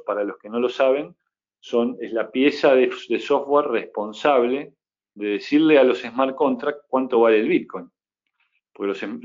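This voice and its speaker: Male guest, measured technical explainer, dull low-fi audio. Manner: measured, technical, many restarts. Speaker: guest, crypto project founder. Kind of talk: explanatory interview answers.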